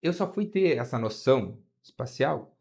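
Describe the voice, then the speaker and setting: A man's voice: normal speed, vocal fry. A man with a Brazilian Portuguese accent, a flight attendant guest telling a story in an interview, his voice climbing as the story builds. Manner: animated, pitch rising as the story builds.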